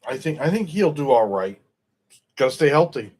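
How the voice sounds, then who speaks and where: A man's voice: mid-range voice, big pitch swings, moderate pace, a little mellow, slightly rough. A middle-aged man hosting a stream, chatting casually about football in a rambling, opinionated way and often correcting himself. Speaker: stream host.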